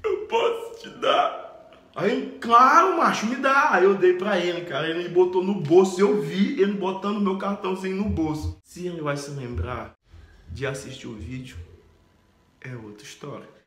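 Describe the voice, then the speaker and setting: A man in his thirties with a Brazilian Portuguese accent, excitedly retelling a story in a vlog, expressive and often laughing. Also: high-pitched, normal speed. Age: 30s. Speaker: vlogger. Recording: echoey room.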